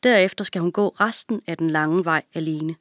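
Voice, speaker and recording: A woman narrating a children's audiobook in a calm, even storytelling manner. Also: lowish voice, no room sound, studio quality.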